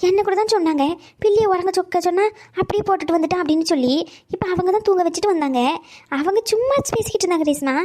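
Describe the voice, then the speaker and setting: Cartoon mother, middle-aged and gentle, put on by a woman; raised pitch, quick, reasoning, consoling. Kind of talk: cartoon voice acting.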